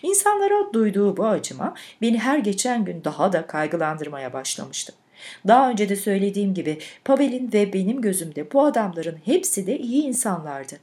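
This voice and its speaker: In a literary audiobook, a female narrator with a mid-range voice reads from a novel. She tells the story expressively, keeping a measured pace.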